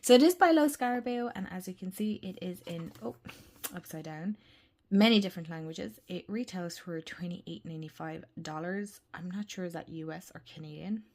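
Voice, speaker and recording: A woman with a slightly low, worn voice talks her viewers through a new deck. She is chatty and gushing, and she keeps slipping into soft whispered asides. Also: moderate pace. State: voice worn from illness. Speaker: tarot deck reviewer. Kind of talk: casual unboxing review.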